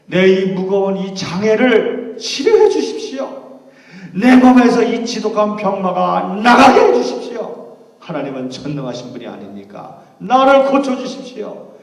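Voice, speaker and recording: A man's voice: sits high, sing-song, moderate pace, voice pushed up. A suffering apostle , as a preacher puts him on, begs God in a raised, fervent man's voice. The prayer echoes around a large hall, heard from far off. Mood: pleading. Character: apostle Paul, suffering man pleading with God. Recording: echoey hall, distant mic.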